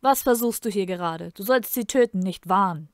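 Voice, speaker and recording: A woman's voice: mid-range voice, moderate pace, no room sound, clean studio sound, close to an everyday voice. Thyrson, a woman voicing a cruel emperor. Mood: menacing. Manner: menacing, commanding, bursts into furious shouting. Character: cruel male emperor, cold and imperious.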